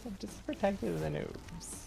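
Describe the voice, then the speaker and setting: Loud game music fills the background as a male streamer commentates on his own gameplay, playfully pretending to be exasperated. His voice is high-pitched, gravelly and animated, at a normal pace.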